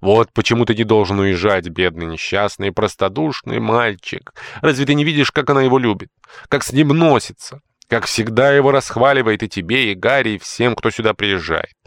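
A man voicing an indignant, fussy older woman who is a housekeeper and nanny, scolding and pleading in a shrill way. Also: moderate pace, creaky, few pauses, dry recording.

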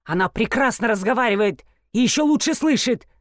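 A woman's voice: a little high, lively intonation, brisk, no echo, clean studio sound, close to an everyday voice. A woman voicing a fussy, scheming male fur-shop owner who snaps at staff and coos at clients. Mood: snapping. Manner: snapping, then oily and cooing.

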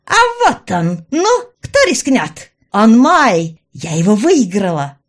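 A woman's voice: medium pitch, big pitch swings, slow. A woman voicing a taunting young sorceress villain who cackles and teases in a sing-song way. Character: mocking, shrill young female sorceress villain.

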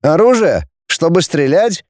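A man's voice: a little high, big pitch swings, unhurried, darkish tone, slight background noise, voice pushed up. A man doing a fussy, nervous teenage boy. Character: gangly nervous teenage boy, eager to help.

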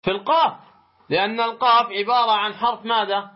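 A man teaching a tajweed lesson, explaining slowly and deliberately, pausing to pose rhetorical questions to his students. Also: high-pitched, steady tone. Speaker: Quran recitation teacher. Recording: muffled lo-fi recording.

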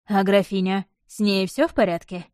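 A stern, suspicious nobleman who gives terse commands and quiet threats, as a woman reads him aloud. The voice stays dark and close to the narrator's own, firm and clipped, in a dry storybook recording. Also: mid-range voice, moderate pace, no room sound, natural voice.

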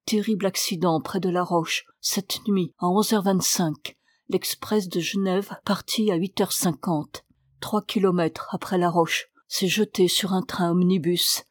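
A woman reading a novel aloud in measured, steady literary narration. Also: fairly low pitch, no echo, studio quality. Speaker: audiobook reader.

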